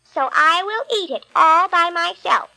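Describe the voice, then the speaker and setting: Storybook little hen, busy and firm, piping high and bright, woman acting. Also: measured pace, gravelly, faint music behind, heavily acted, poor audio.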